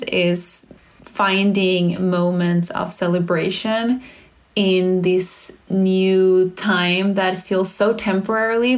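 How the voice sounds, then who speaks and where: A woman who grew up in Sweden, a brand founder talking casually in an interview and using "like" often. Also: on the low side. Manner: chatty, frequent "like" fillers.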